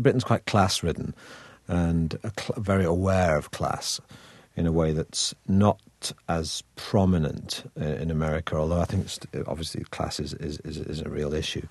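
Speaking in a slightly rough bass voice with a darkish tone, a Manchester actor chats as an interview guest. His relaxed conversation is wry and hesitant, full of restarts, in his northern English accent, and the recording is dry.

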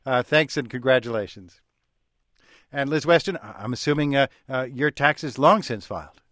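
A man hosting a radio call-in show with a smooth, easy radio-host delivery, speaking into a studio microphone. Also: mid-range voice, normal speed, fairly bright tone, no echo.

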